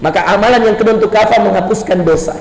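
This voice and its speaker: A middle-aged man preaching a mosque sermon, fervent, building to emphatic repeated lines and dropping soft when moved. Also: fast talker, a little hiss or hum. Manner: fervent, rises to emphatic high repetitions, drops low and soft when moved. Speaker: ustadz, preacher. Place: mosque hall. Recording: echoey mosque hall, faint ambience.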